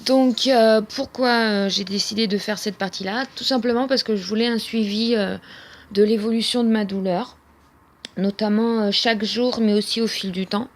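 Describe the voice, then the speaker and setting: A woman's voice: mid-range voice, steady tone, moderate pace. A young woman showing her planner in a casual vlog, talking with many hesitations and fillers. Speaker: vlogger.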